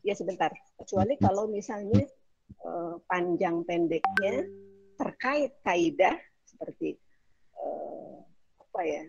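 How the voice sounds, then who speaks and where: A woman's voice: on the low side, slow, gravelly, pauses often, a little mellow, husky, highs cut off. A woman lecturer explaining Arabic pronunciation patiently in an online class. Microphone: video call.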